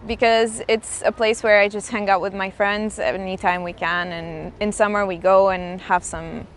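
A woman's voice: medium pitch, fairly even intonation, normal speed, a little hiss or hum. A young woman from Portugal, an engineering student giving enthusiastic interview answers outdoors in a square. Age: young adult.

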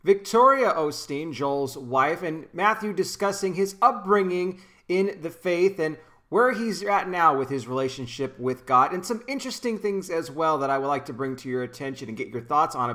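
A man's voice: on the high side, fairly bright tone. Earnest man hosting a commentary vlog. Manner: earnest, talks with hand gestures, frequent restarts. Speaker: commentary channel host. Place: small indoor room with kitchen behind. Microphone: desk microphone in front of him.

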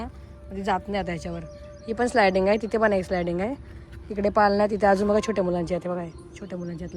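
This Marathi-accented woman is narrating a casual vlog from a park playground, handheld camera in hand, talking to her viewers and coaxing a small child along. Her voice is medium in pitch and a bit bright.

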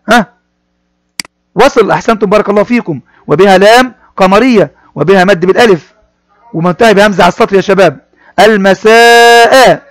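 A man's voice: sits high, dry recording. A man teaches a children's reading lesson. He goes word by word, repeating phrases and addressing the pupils directly. The recording is dry and close. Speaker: primary school teacher.

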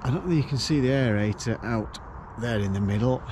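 A man's voice: medium pitch, fairly quick, noisy background. A middle-aged man, talking casually to camera outdoors beside a lake, chatting through his plans. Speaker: angler vlogger.

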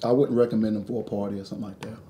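A man talks casually as co-host of a food review in a room at home. His voice is mellow and of medium pitch, with a matter-of-fact, somewhat reserved way of giving his opinion. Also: steady tone, rapid-fire, a little hiss or hum. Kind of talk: casual chat. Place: living room at home, indoors.

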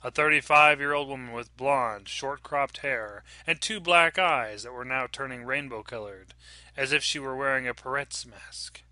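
A man reading a horror short story aloud in a measured, dramatic storytelling manner. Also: medium pitch, sharp tone, no room sound. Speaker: audiobook reader.

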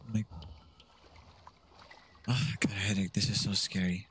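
A man's voice: on the low side, fairly even intonation, normal speed, a bit bright, a little hiss or hum. A man live-streaming a horror game, yelping at scares, laughing, and chatting to his viewers, a little out of breath. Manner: jumpy, yelps and laughs at scares, chats to viewers. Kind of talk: casual live-stream gaming chat.

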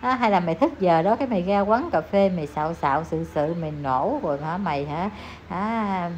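A woman's voice: lowish voice, animated, fairly quick, a little hiss or hum. A woman with a Southern Vietnamese accent giving a heated, scolding commentary vlog, talking down to the person she criticizes. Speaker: online commentator. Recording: slightly dull recording, faint background ambience.

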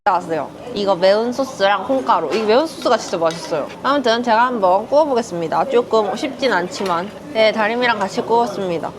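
A woman food vlogger chatting playfully as she eats, full of quick exclamations. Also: medium pitch, lively intonation. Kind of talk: casual mukbang chat. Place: busy restaurant. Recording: restaurant crowd chatter behind. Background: diners chattering.

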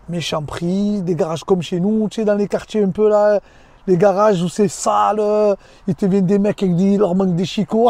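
Sitting in his car, a vlogger in his thirties tells a casual story straight to the viewer in a lively, slangy way, his voice sitting high.

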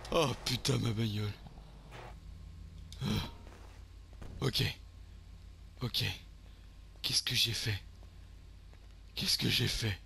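Un homme qui joue un beauf ivre et vulgaire à l'marseillais, commentant sa partie de jeu vidéo, sur un fond de bruits de jeu bien audibles. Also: male voice, medium pitch, vocal fry, pushed and bright, a little hiss or hum, exaggerated voice. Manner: crude, vulgar grumbling, talking to himself while playing. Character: boorish drunk beer-loving lout, man, crude and brash. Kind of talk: game role-play commentary.

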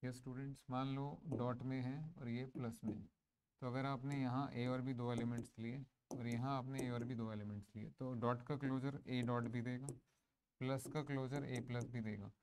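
Male maths teacher, classroom lecture, mixes Hindi and English, checks in with students; mid pitch, faint noise. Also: flat delivery, normal speed, a little mellow.

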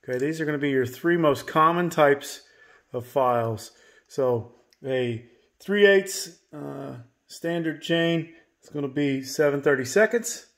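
A man's voice: fairly high pitch, measured pace, fairly bright tone. A man in his thirties giving a casual workshop tutorial, talking straight to viewers and checking in with a folksy "okay?" between steps. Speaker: chainsaw maintenance presenter. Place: indoor home workshop.

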